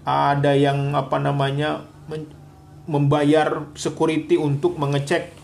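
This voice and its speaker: This psychologist and co-host has a voice on the higher side, with vocal fry and a measured pace, plus slight background noise. Earnest and lively on the live marriage Q&A, he performs the lines of the wives and husbands he quotes.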